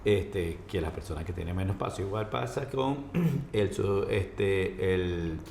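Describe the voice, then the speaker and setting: Casting: male doctor as interview guest, deep voice, halting explanatory delivery, roomy sound. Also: lively intonation, vocal fry, a little mellow. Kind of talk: informal medical explanation in an interview. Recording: roomy echo, faint background noise.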